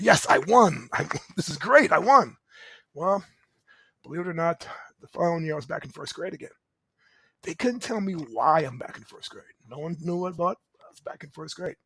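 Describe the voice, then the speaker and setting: A middle-aged man hosting a podcast, telling his life story in a lively, conversational way, chuckling often. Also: a little high, vocal fry, husky, no room sound. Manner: animated, conversational, chuckles often, asks "right?". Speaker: podcast host. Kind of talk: personal storytelling monologue.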